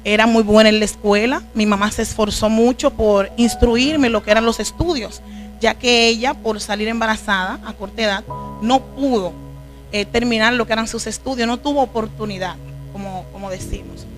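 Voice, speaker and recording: A Dominican woman preacher with a Dominican accent tells her life story in an earnest, emotional testimony interview as a guest. Her fairly high voice keeps a fairly even intonation at a normal speed, with faint music behind her.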